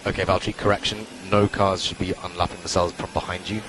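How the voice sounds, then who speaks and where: A man working as a race engineer on team radio, giving calm, clipped spotter-style instructions and repeating key calls. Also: low-pitched, quick pace, background noise. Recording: radio transmission with loud music behind.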